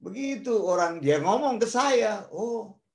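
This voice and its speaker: A man's voice: sits high, animated, measured pace. A man teaching the Bible in sermon style, telling a story and addressing his listeners directly. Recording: roomy echo.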